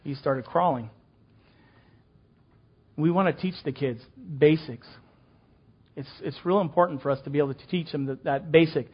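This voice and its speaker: A man's voice: on the high side, moderate pace, long pauses, slightly rough, dull audio. An older man teaching a children's ministry class in a casual, folksy way, full of fillers and restarts.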